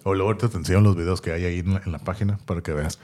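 A man tells a story in casual podcast chat. He talks fast, in a lowish voice, and keeps slipping into quick voiced impressions. He is clearly amused by his own anecdote. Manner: animated, laughing anecdote-telling with voiced impressions. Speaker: podcast co-host.

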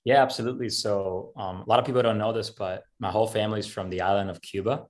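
A Spanish-speaking Miami man in his thirties, a country singer, guests on a podcast for a casual interview chat. His voice is fairly low and fairly even, and he talks fast. He's easygoing and rambles, dropping plenty of fillers like "um" and "you know."

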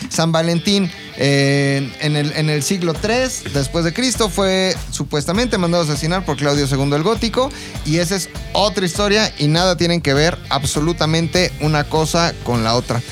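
Background music accompanies a Mexican-accented man whose voice sits on the high side. He talks at normal speed as a podcast co-host, relaying history as casual gossip with slang and invented quotes.

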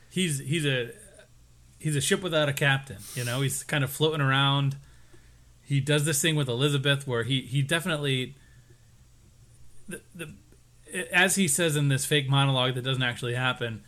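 Lively male podcast co-host. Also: medium pitch. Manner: lively, chuckling, playful asides. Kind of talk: casual chat recapping a TV episode.

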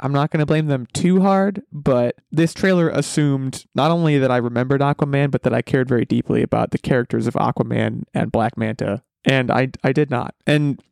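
A man's voice: mid-range voice, brisk, gravelly, few pauses, a little mellow, no room sound, clean studio sound. A man hosting a casual pop culture podcast, speaking in an opinionated, emphatic way and often restarting his sentences. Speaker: podcast host. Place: basement room at home.

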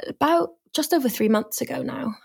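A woman's voice: sits high, expressive, fairly quick, vocal fry, breathy edge. A young woman from Swansea with a Welsh accent, chatting casually and informally as an interview guest. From Swansea, Wales. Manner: informal, frequent "like". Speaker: guest, singer and music artist. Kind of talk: casual chat.

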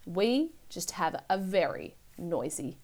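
A woman reading the lines of a polite father in a storybook, calm and a touch lower. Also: slow pace, full character voice.

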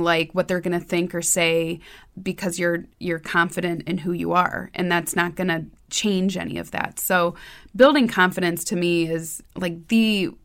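A woman hosting a podcast interview, talking in a relaxed, reflective way with easy laughs. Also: on the low side, clean tone. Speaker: podcast host. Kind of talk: casual interview chat.

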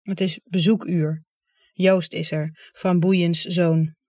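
An audiobook reader narrating a first-person literary story in a calm, understated way. The voice sits in a middle range. The recording is dry and close. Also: mid-range voice, slow pace, no room sound.

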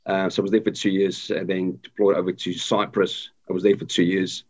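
A South African army veteran tells his story as a guest in a casual interview, hesitating with lots of ums and restarts. His voice is low, level and brisk, with a breathy edge. The recording sounds dull and lo-fi.

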